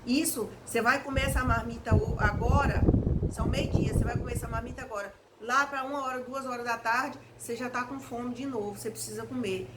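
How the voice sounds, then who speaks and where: A woman's voice: on the high side, brisk. A woman giving an earnest devotional talk at home, exhorting listeners directly, with an electric fan blowing right in her face as she speaks. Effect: electric fan blowing right in her face while she talks. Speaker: evangelical lay preacher. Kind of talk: home devotional reflection video. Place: hot room at home. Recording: home recording with loud fan noise. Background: steady whir of a fan.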